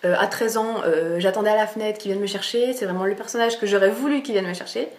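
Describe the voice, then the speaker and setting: A woman's voice: mid-range voice, quick pace, a little mellow. A young woman talks to her camera about books in a chatty, enthusiastic way, often restarting her sentences. She sits at home, recorded on a camera mic. The room is noticeably echoey. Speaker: book vlogger. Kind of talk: casual chat to camera.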